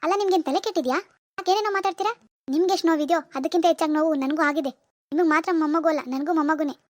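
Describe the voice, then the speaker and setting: A woman's voice: sits high, very fast, no echo, clean studio sound, close to an everyday voice. A woman voicing a grieving, defensive mother-in-law in a cartoon. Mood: indignant. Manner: wailing laments, then stern rebukes. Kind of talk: animated cartoon voice acting.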